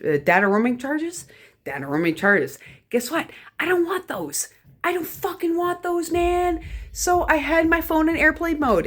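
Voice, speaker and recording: A young Canadian woman telling a rambling, profane convention story in a casual vlog, a little tipsy from whiskey. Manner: rambling, profane, animated jumps in pitch. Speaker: vlogger, horror collector.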